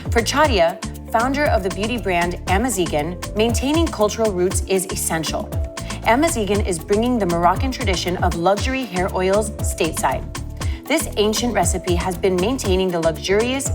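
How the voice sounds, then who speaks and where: A woman's voice: mid-range voice, lively intonation, normal speed, over music. A woman from Miami hosting a travel and lifestyle show, giving scripted narration and interview questions in an upbeat, polished presenter's delivery. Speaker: host.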